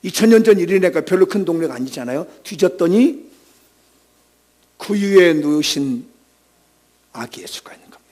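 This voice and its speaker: A male pastor preaching a Sunday sermon dramatically, moving between shouted emphasis and hushed lines and putting rhetorical questions to the congregation. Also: high-pitched, animated, normal speed, pauses often.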